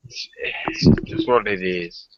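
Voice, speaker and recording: A man's voice: medium pitch, huge pitch swings, takes it slowly, heavy background noise. An Irish man hosting a casual online voice chat, talkative and joking, often cutting in over others. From Ireland. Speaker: host. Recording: muffled lo-fi voice chat audio.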